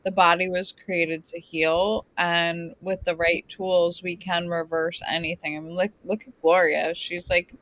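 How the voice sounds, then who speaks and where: A woman's voice: lowish voice, flat delivery, measured pace, few pauses, a bit bright, a little hiss or hum, low-quality recording. A woman guest on a video call, speaking passionately and reassuringly, with frequent fillers. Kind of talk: casual video-call interview.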